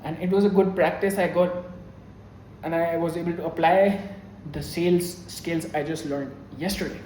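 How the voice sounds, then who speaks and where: A man's voice: fairly high pitch, fairly even intonation, moderate pace, a little mellow, slight background noise. A young man vlogging to camera, talking earnestly and openly about his feelings. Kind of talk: casual vlog talk to camera. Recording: echoey room sound.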